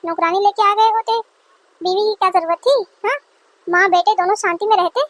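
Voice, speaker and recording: A woman's voice: extremely high pitch, a little fast, no echo. A woman voicing an aggrieved young newlywed wife who argues indignantly with her in-laws, in a dry close recording. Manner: indignant, complaining.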